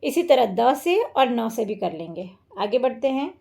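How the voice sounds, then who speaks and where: Woman teacher going thru a kids workbook, slow and step by step, kinda gravelly, bit high. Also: sing-song, darkish tone. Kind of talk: workbook lesson walkthrough.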